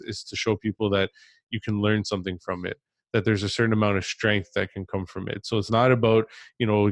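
Podcast host, male, flat steady delivery, thinks aloud with restarts. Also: fairly low pitch, dry recording. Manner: reflective, rambling with many restarts. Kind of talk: casual podcast conversation.

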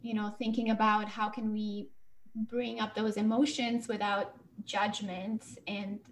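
A woman host and coach asks her guest questions in a chatty, rambling way, leaning on "like" and "right?". Her voice sits at a middle pitch for a woman. Faint noise stays in the background. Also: level tone, measured pace. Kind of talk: casual interview questions.

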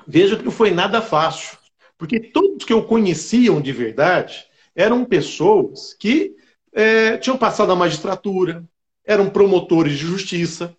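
A middle-aged man from Brazil, a state attorney, telling a personal story in an interview, often adding "né". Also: sits high. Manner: animated, fills with "né" often.

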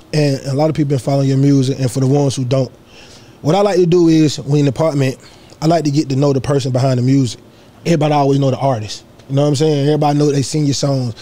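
Man, interviewer, casual slangy chat, quick pace, mellow dark tone. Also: a little high. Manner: loose, slangy, repeats "you know what I'm saying".

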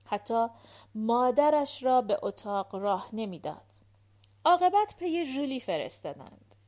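A woman reading a novel aloud as audiobook narrator, in a measured storytelling manner. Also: high-pitched. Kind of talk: scripted narration.

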